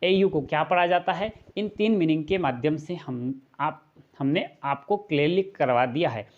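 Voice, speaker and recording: A man's voice: on the high side, normal speed, phone-quality sound. A man teaching English pronunciation step by step in a video lesson, repeating each point and asking rhetorical questions. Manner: patient, step-by-step explaining. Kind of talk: classroom-style video lesson.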